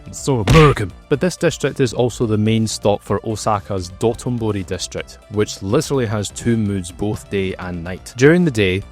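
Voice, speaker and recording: A man in his thirties narrates a travel vlog in a low voice that swings widely in pitch. He drops wry, sarcastic asides and leans on words for playful effect, with faint music running behind him. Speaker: travel vlogger.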